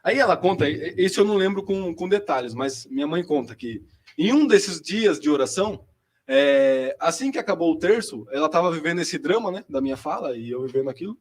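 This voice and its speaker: Young Brazilian guy, high and fast, relaxed slangy storyteller. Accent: Brazilian Portuguese. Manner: chatty and slangy, lots of fillers. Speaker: seminarian giving a vocation testimony. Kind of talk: casual personal storytelling.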